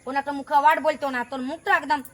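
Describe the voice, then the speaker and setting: A woman's voice: sits high, fairly even intonation, racing, close to an everyday voice. A woman playing an indignant village grandmother. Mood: lamenting. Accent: Purulia Bengali dialect. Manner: scolding, indignant. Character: protective grandmother, mother-in-law defending her granddaughter. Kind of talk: village home drama acting.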